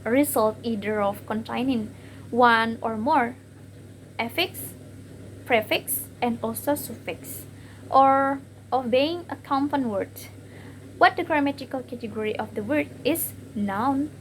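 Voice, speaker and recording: A woman's voice: fairly high pitch, a little hiss or hum. A young woman giving a class presentation on word stress, hesitating with fillers and repeating each example word.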